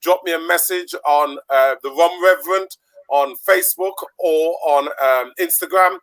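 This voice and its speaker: Caribbean guy hosting an online show over video call, bright voice, rambly, laughs a lot. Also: on the high side, rough recording. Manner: chatty, rambling, quick to laugh. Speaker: podcast host. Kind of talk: casual online show chat.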